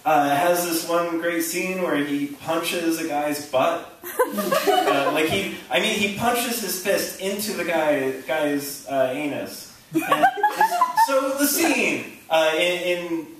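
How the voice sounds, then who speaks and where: A young man doing a halting, rambling stand-up set, full of ums and self-interruptions, on a small theater stage. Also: on the high side, wildly swooping pitch, very noisy. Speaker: stand-up comedian. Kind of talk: open-mic stand-up set. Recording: echoey room recording from a distant camera.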